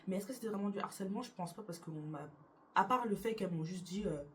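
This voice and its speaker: This YouTuber, a young adult woman, talks fast in a medium-pitched voice while answering get-to-know-me questions in her bedroom beside a window. A little hiss or hum runs under the recording, and her casual answers are full of hesitations, fillers, and restarts.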